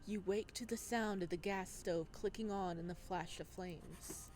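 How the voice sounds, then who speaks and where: With a medium-pitched, darkish voice and an unhurried pace, a woman hosts a video game playthrough. She dramatically reads narration aloud and adds casual commentary over slight background noise.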